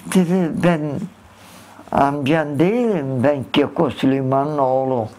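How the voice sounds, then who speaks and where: Elderly woman, slow emotional storyteller, interview testimony. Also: low-pitched, mellow. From Dersim, Turkey. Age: older. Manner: slow, emotional, acts out the old dialogues. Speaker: interviewee, massacre survivor. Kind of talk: personal storytelling.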